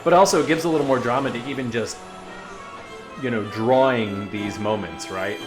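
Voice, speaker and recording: Speaking over music, a man hosting a reaction video offers casual, reflective, halting asides about a cartoon. His voice is mid-range.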